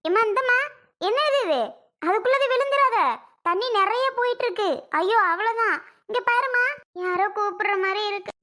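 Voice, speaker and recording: A woman plays a bossy, fussing village neighbour in a cartoon. She scolds and coaxes loudly in a very high, sharp voice. Her southern Tamil accent comes through clearly. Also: fairly quick. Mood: alarmed. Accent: southern Tamil (Kanyakumari-Tirunelveli). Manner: loud, scolding and coaxing. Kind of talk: cartoon voice acting.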